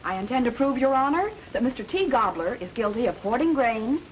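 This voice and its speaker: A woman acts a poised, kindly lady in a 1930s film. Her voice sits fairly high. The old soundtrack carries faint noise. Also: expressive, fairly quick, lightly acted, rough recording. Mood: mock formal.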